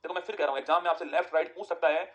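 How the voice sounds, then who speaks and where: A man teaching an exam-prep geography lesson, firing quick questions at students and answering them himself. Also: on the high side, steady tone, highs cut off.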